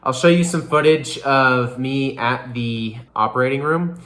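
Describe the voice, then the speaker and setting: A man's voice: mid-range voice, unhurried, fairly bright tone. Rambling young man in an echoey room. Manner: rambling, lots of fillers like "you know" and "like". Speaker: vlogger. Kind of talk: casual recovery update vlog.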